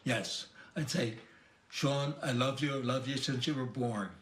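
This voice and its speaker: A man in his eighties speaking slowly and haltingly in a home conversation with his grandson, recorded on a phone. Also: mid-range voice. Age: 80s. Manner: halting, gentle, with pauses and restarts. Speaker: grandfather interviewed. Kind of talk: oral-history conversation. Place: living room at home. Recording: roomy home recording, faint hiss.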